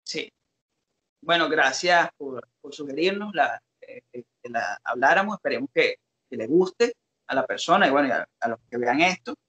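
A man's voice: mid-range voice, expressive, normal speed, bright, forceful tone. A man co-hosting a casual analytical talk, reflective and hesitant, with frequent fillers. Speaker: co-host analyzing song lyrics.

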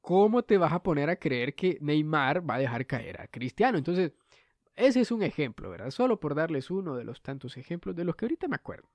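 A man's voice: a little high, very animated, a little fast, darkish tone, dry recording. A young man, hosting a podcast in a rambling, joking monologue full of fillers. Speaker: podcast host. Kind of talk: casual comedic monologue.

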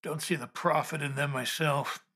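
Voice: medium pitch, fairly even intonation, moderate pace, pushed and bright. An actor playing Scrooge as a bitter, miserly old banker, curt and dismissive, in a comedic radio drama. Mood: grudging, sarcastic.

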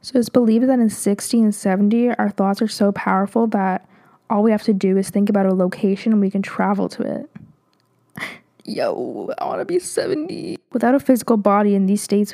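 A woman's voice: mid-range voice, warm tone. A young woman hosting a solo podcast, chatting casually with lots of "like" and giggles, her voice slightly nasal. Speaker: podcast host.

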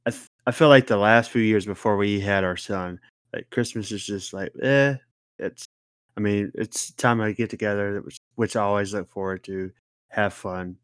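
A young man co-hosting a casual podcast, speaking in a relaxed, reflective way as he searches for words. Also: fairly low pitch, normal speed, clean tone, dry recording, clean studio sound. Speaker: podcast co-host. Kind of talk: casual chat.

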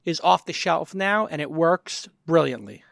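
A man's voice: on the high side, lively intonation, unhurried, vocal fry, a bit bright, dry recording, studio quality. A man acting as host and judge, giving live feedback and probing with plain-worded questions.

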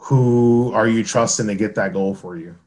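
Rambling male podcast host, low voice. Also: moderate pace, darkish tone. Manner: rambling, many restarts and laughs. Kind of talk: casual sports chat.

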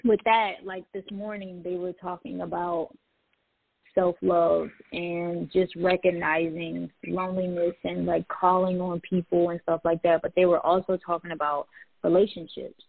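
A woman's voice: on the low side, level tone, normal speed, creaky, slightly rough, dry recording. A woman who is a poet and public speaker, talking reflectively in casual conversation with lots of "like" fillers. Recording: tinny phone-like line.

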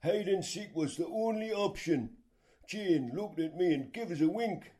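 A man's voice: high voice, expressive, measured pace, mellow. A man playing a cheeky man who teases his friend and tells a joking story about his first kiss.

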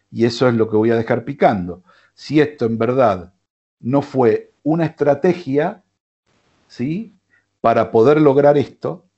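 A man's voice: medium pitch, mellow, lo-fi sound. A man with an Argentine accent hosting a sports radio show, rambling with many fillers and restarts. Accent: Argentine Spanish. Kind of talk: casual sports radio talk. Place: radio studio.

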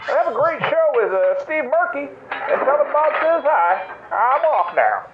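A man's voice: very high voice, very animated, a little slow, over music, exaggerated voice. A man playing a goofy, rambling prison inmate who leaves a message on a collect call from prison. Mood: goofy boastful. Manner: rambling, boastful, stammering. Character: goofy male prison inmate calling home. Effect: prison collect call over a phone line. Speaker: caller. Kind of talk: comic voicemail bit. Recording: tinny echoey noisy phone line.

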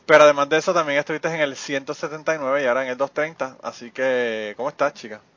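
A man's voice: mid-range voice, fairly even intonation, fast, fairly bright tone, muffled recording. A man hosting a podcast in a laid-back, joking, chatty way. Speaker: podcast host. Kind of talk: casual podcast chat.

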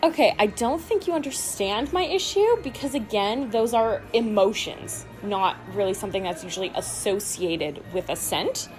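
A woman's voice: medium pitch, animated, moderate pace, hardly any pauses, a little mellow, faint music behind, close to an everyday voice, rough recording. A woman playing a confused shopper asking questions in a comedy sketch. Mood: puzzled. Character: puzzled young woman shopper.

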